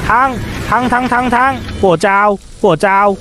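A man voicing a cowardly, whining toilet-head creature in a comic animated dub. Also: sits high, takes it slowly, background noise. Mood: panicked pleading.

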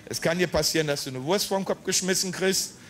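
A man's voice: high voice, brisk, a bit bright. A middle-aged man with a German accent, a market crier explaining himself in an interview at a handheld microphone. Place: outdoors at a market sales truck. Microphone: handheld reporter microphone.

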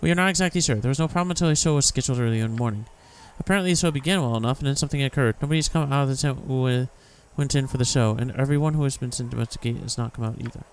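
A man's voice: medium pitch, very fast, hardly any pauses, clean tone, lightly acted, rough recording. A man voicing a formal, worried city guard in a fantasy game, stiff and official. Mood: official, concerned.

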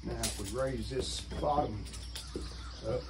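Working in an outdoor concrete stairwell, a middle-aged DIY channel host talks slowly in a mid-range voice, plainspoken and thinking aloud for his how-to video. The camera mic picks him up, sometimes from a distance, along with birds and other outdoor ambient noise.

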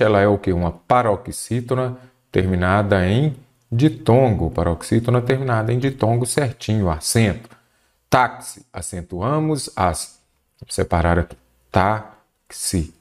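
A man with a fairly low voice leads an exam-prep grammar lesson. He keeps asking a question and then answering it himself. He slows down on key terms so they stand out. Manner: explanatory, asks and answers own questions; stretches key terms slowly for emphasis. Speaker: Portuguese teacher.

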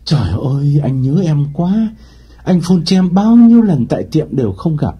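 A man reading an audiobook and voicing an eager, smooth-talking man who pleads and fawns on the phone. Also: mid-range voice, big pitch swings, normal speed, highs cut off. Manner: pleading and fawning.

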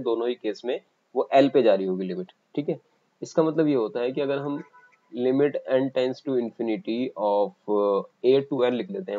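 A man with an Indian accent teaching a math lesson for exam coaching, explaining step by step and pausing as he writes. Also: medium pitch, dark tone, highs cut off. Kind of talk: online exam-coaching lecture.

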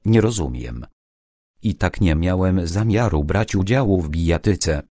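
A man's voice: low voice, animated, a little slow, mellow, dry recording, clean studio sound. A man voicing a wary, terse young archaeologist. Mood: guarded. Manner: terse, guarded replies. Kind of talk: audiobook character voice.

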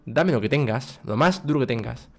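A young man from streams his gameplay live. His voice sits at a middle pitch but swings wildly up and down as he swears and yelps into high shouts. Faint background music plays under his talk. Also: animated, moderate pace.

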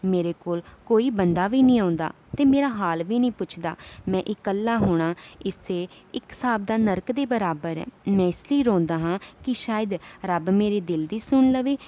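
A man's voice: high voice, normal speed, mellow, close to an everyday voice. A woman voicing a suffering male leper in a spoken devotional story, pleading and sorrowful. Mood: lamenting. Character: suffering male leper, once a village chief, weeping.

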